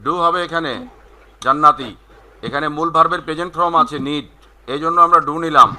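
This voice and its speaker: A Bangladeshi man, a native Bengali speaker, teaches an online English class over a video call. His voice is very bright and sharp, and he explains slowly with frequent hesitations, mixing English into his talk. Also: a little high.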